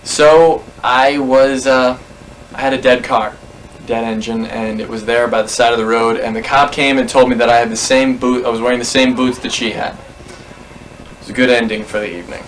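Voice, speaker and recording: A man's voice: medium pitch, steady tone, moderate pace, a little hiss or hum, low-quality recording. Rambling man telling a road story. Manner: rambling, self-correcting storyteller. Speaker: interviewee. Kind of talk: anecdote told to camera.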